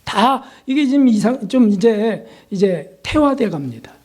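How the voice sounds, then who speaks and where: An older man preaching a sermon as a pastor, earnest, asking his listeners questions and slipping into soft prayers. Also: high-pitched, big pitch swings, measured pace.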